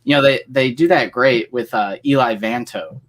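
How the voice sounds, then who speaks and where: A man's voice: medium pitch, normal speed, a bit bright. A man co-hosting a casual livestream, talking in long rambling runs full of fillers. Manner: rambling, filler-heavy, enthusiastic fan talk. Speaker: co-host.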